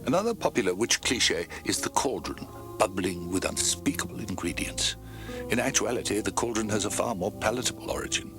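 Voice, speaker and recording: A man narrating a documentary in a dramatic, scripted way with slow ominous pauses, heard from an old VHS tape. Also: on the low side, animated. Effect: old VHS tape sound. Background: music.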